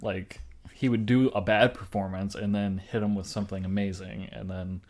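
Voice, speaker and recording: A young man with a fairly low voice talks casually as a podcast co-host. He rambles through his stories and keeps circling back with fillers and restarts. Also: flat delivery, moderate pace, a little mellow. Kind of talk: casual chat.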